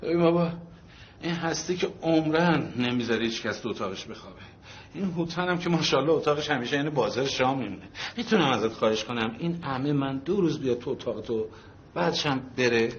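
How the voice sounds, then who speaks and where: A man's voice: mid-range voice, lively intonation, muffled recording, slight background noise, close to an everyday voice. An actor playing a harried middle-aged father who is effusively polite and pleading with his family. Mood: coaxing. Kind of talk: comedy film acting.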